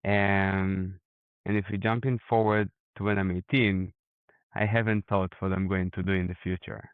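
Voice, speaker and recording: A man in his forties from Israel with an Israeli accent, answering interview questions in a halting way with many fillers and restarts. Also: low-pitched, little pitch movement, clean tone, dry recording. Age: 40s. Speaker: guest, app founder. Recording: tinny, phone-like call audio.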